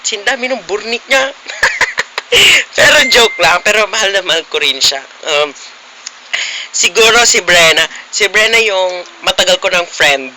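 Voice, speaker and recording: A man's voice: high voice, animated, unhurried, pauses often, sharp tone, a little hiss or hum, low-quality recording. A young man vlogging casually, teasing his friends playfully with frequent giggles. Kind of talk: casual vlog chat.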